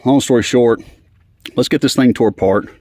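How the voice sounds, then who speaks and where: A man's voice: medium pitch, normal speed, darkish tone, no echo. A man giving casual working commentary while fixing an old truck. He is out of breath and rambles, with many fillers. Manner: rambling, filler-heavy, laid-back.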